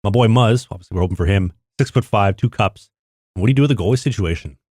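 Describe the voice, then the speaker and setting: Man, quick talker, dry close mic, rattles off hockey stats, casual podcast chat. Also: fairly low pitch, darkish tone, husky, dry recording. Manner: rattles off player stats and heights. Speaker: podcast co-host.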